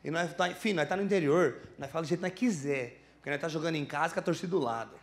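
A stand-up comedian with a rural São Paulo countryside accent, performing live in a comedy bar with animated, exaggerated delivery. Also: male voice, on the high side, very fast. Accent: São Paulo countryside caipira. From interior of São Paulo state, Brazil. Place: comedy bar stage before a live audience.

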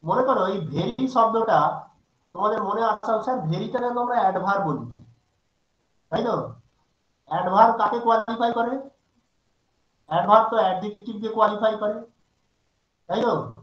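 A man's voice: high-pitched, moderate pace, long pauses, reverberant, highs cut off. A man teaching English grammar in an online class, stopping often to ask his students questions. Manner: asks students frequent check questions. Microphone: video call.

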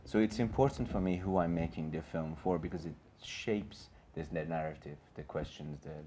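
A filmmaker in his thirties from Iran speaks on a panel discussion in a small gallery room with an audience, his Persian accent framing earnest, rambling remarks full of fillers and restarts. His voice is low and dark at a moderate pace, with a little hiss or hum.

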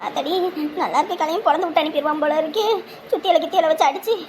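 A woman's voice: very fast, slight background noise. A woman voicing a complaining old grandmother who wails about her leg pain in a comic sketch. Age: older. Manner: wailing, complaining, shrill. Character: whining old grandmother faking a leg injury.

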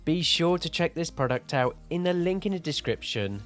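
A man's voice: a little high, animated, moderate pace, a bit bright, faint music behind. A man in his twenties reading a scripted tech product review as narration.

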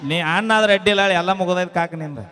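Loud teasing stage emcee, high-pitched man. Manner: loud teasing, quick comic retorts to the crowd. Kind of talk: live stage comedy banter.

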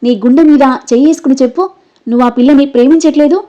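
A woman reading the part of a young man who pleads with and scolds his best friend in a high, mellow voice, on a dull, lo-fi recording. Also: steady tone, fast talker, close to an everyday voice. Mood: angry. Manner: emotional, scolding outbursts.

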